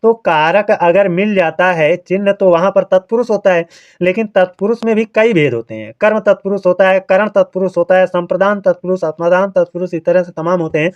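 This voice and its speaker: A man with a notably high voice teaches an exam-prep grammar lesson, taking each answer step by step and checking in with the listener. The recording is dull and lo-fi. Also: fairly quick.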